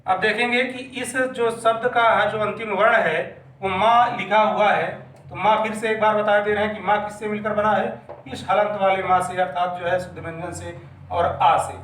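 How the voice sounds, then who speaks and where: A man's voice: high voice, steady tone, moderate pace, fairly bright tone, a little hiss or hum. A man teaching a grammar lesson patiently, asking questions and answering them himself. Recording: echoey room, mic at a distance.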